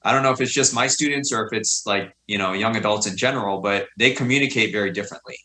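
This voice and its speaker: Middle-aged guy, low but bright voice, rambly podcast guest with lots of ums and you knows. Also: fast talker, rough recording. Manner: rambling, filler-heavy, reflective. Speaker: podcast guest, community college teacher. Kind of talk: casual conversation.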